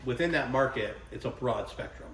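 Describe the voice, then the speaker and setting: A man, a little hoarse from illness, rambling casually about his custom motorcycle seat work. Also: mid-range voice, expressive, brisk, a bit bright, a little hiss or hum. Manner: rambling, conversational, lots of fillers. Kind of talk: casual workshop vlog talk.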